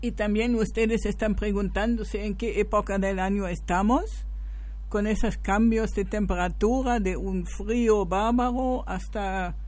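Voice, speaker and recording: A radio host with a German accent, from northern Germany, introducing the show slowly and answering her own questions. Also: medium pitch, steady tone, darkish tone. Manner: slow, explanatory, asks and answers own questions.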